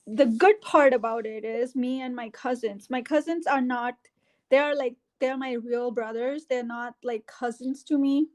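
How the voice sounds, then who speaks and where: Speaking at a moderate pace in a slightly high voice, this middle-aged woman from India shares her life story in a relaxed conversational interview. Her Indian English is peppered with fillers and false starts.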